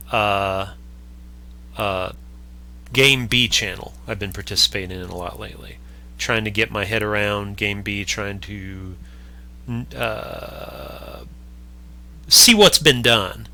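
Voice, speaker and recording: A man's voice: fairly low pitch, slow pace, pauses often, bright, forceful tone. A man hosting a casual video-call conversation, thinking aloud in long winding sentences. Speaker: channel host. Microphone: webcam on a mic arm at home.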